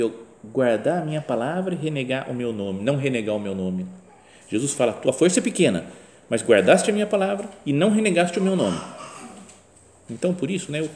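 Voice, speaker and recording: A man's voice: mid-range voice, dark tone. A man with a Brazilian Portuguese accent, a priest preaching a sermon in a conversational way, acting out quoted voices and often adding tag questions. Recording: echoey room with faint ambience.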